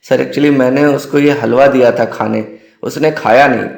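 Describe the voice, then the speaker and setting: A man's voice: medium pitch, steady tone, moderate pace, gravelly, darkish tone, natural voice. Timid naive first-year student, as a man puts him on. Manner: timid, apologetic. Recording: roomy echo.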